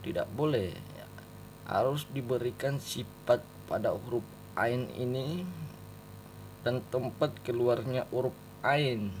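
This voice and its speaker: A man teaching Quran recitation in a slow tajwid lesson, patiently repeating syllables for the learner. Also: medium pitch, a little hiss or hum, low-quality recording. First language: Indonesian.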